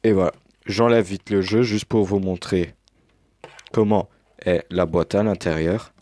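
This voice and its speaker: A man's voice: low-pitched, fairly even intonation, measured pace, darkish tone, no echo. A young man casually commenting as he unboxes a game edition, hesitant with many fillers, recorded on a headset mic. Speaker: unboxing youtuber.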